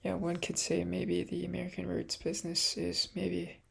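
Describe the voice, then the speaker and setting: A woman reading texts aloud in a half-whisper, pausing for quiet comments of her own. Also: lowish voice, completely flat delivery, gravelly, breathy edge. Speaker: channel host reading investment texts. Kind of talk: reading aloud and musing while studying.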